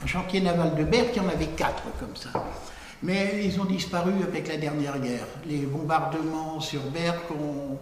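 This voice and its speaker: In a large lecture hall whose echo has a long reverb, a man from Picardy, France, a native Picard speaker, delivers a public lecture. He talks conversationally and digressively with frequent "hein" tags, his voice on the high side, steady in tone, at a moderate pace. A little hiss or hum can be heard.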